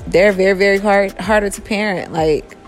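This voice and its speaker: A woman's voice: medium pitch, steady tone, normal speed. Woman, 30s, podcast host, casual chatty monologue, faint music behind. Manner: chatty, talks straight to listeners with "y'all".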